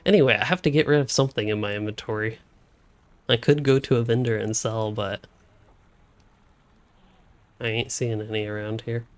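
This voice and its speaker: Hiccuping as he goes, this young man streams a game from home and rambles casually, thinking aloud into a desk microphone. His voice sits on the low side with a steady tone. He talks at normal speed but pauses often.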